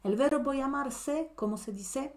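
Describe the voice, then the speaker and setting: Young woman, online language teacher, unhurried, patient, walks you through it bit by bit. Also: high-pitched. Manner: patient, explains step by step, quizzes the learner.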